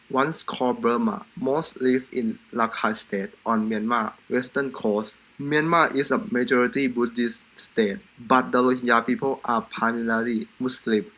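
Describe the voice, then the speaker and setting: A man's voice: mid-range voice, a bit bright, low-quality recording. A man narrating a scripted informational presentation as a student.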